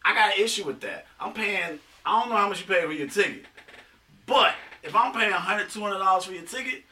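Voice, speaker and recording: A man's voice: sits high, lively intonation, brisk, bright, forceful tone, distant mic. A man in casual podcast chat who teases himself for sounding like an old man while pressing his opinions emphatically. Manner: self-mocking, emphatic about his opinions. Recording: a bit off-mic with faint room noise.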